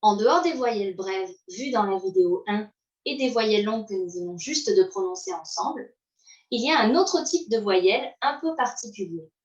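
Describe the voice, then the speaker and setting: A woman giving a slow pronunciation lesson, modeling sounds and pausing for learners to repeat. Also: mid-range voice, expressive. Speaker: English pronunciation teacher. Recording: roomy, distant, dull sound.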